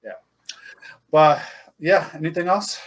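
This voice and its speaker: A man's voice: a little high, fairly even intonation, slow. A man from Zimbabwe co-hosting a casual podcast, talking emphatically and addressing listeners directly. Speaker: podcast co-host.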